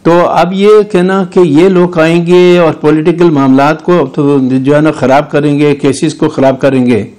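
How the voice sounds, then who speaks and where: A man's voice: on the high side, fairly even intonation, unhurried, few pauses, darkish tone. Argumentative older man, Pakistani Urdu accent. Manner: argumentative, legalistic, with restarts. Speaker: lawyer guest. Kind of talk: studio news interview.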